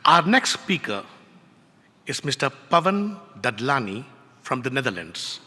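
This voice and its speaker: Lively bright-voiced male announcer in a hall. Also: mid-range voice, a little slow. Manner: formal, reading a prepared introduction. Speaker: event announcer. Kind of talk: formal speaker introduction. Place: large hall. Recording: long hall reverb.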